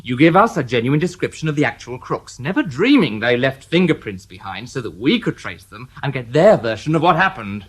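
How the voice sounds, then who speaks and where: A man's voice: mid-range voice, big pitch swings, a little fast, hardly any pauses, slightly rough. An actor playing a shrewd police detective inspector in a radio drama, dry and sardonic, needling the people he questions with excessive politeness.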